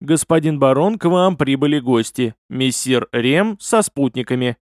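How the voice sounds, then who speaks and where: A man's voice: mid-range voice, lively intonation, a little slow, darkish tone, no echo, studio quality, natural voice. A male audiobook reader voicing a dutiful male captain of the guard reporting to his lord. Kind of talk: audiobook character voice.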